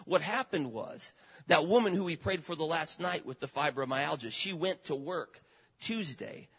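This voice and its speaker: A man's voice: on the high side, normal speed, fairly bright tone, breathy edge, low-quality recording. A middle-aged man, a traveling evangelist, telling healing stories in a folksy sermon full of fillers and amens. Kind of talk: sermon testimony.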